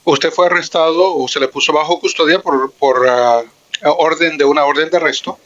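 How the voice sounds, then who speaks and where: A man working as a court interpreter, giving a live translation voice into the courtroom in a formal, even relay of each statement. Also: on the high side, quick pace, muffled recording.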